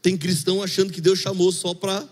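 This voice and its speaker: Male pastor, high voice, chatty confessional sermon with fervent peaks, long hall reverb. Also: little pitch movement, brisk. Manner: conversational and confessional, swings from quiet murmurs to fervent outbursts. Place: church hall.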